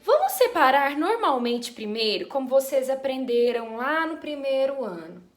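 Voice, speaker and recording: A woman's voice: high voice, big pitch swings, normal speed. A woman teacher giving a school lesson, explaining step by step in an affectionate way. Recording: echoey room.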